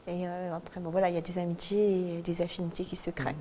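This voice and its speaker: A woman's voice: lowish voice, level tone, fast talker, over a noisy crowd. A woman from New Caledonia, a pageant committee member speaking as a guest on a studio talk show, earnest and full of hesitations. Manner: hesitant, many fillers, earnest.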